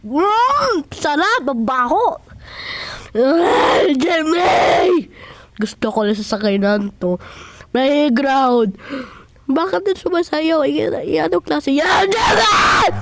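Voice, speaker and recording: A woman performing a one-person comedy skit, excitable and whiny, often yelping and shouting. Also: sits high, slow pace, a little hiss or hum. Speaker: skit creator.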